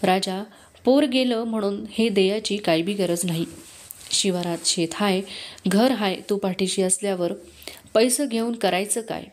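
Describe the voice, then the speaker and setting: A woman's voice: medium pitch, measured pace, close to an everyday voice. A woman reading the lines of an elderly, humble village farmer in an audiobook of a historical novel, with rustic, earnest speech. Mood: insistent. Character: elderly male village farmer, humble, grieving, proud of his son.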